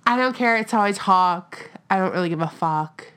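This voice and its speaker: A young American woman co-hosting a podcast in casual chat, talking bluntly with vocal fry, plenty of swearing and frequent "like". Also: mid-range voice, expressive, normal speed, a bit bright. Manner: blunt, profane, peppered with "like". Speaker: podcast co-host.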